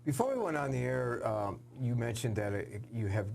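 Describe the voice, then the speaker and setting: A man hosting a TV sports interview, asking earnest questions with halting fillers. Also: medium pitch, very animated, vocal fry, darkish tone, slight background noise. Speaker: sports show host.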